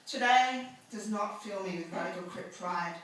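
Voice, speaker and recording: A woman performing a spoken-word poem live, defiant, crude and emphatic, now and then rising to shouts. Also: medium pitch, moderate pace, recorded from a distance, slight background noise. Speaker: poet. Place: live event venue. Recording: echoey room, mic from afar.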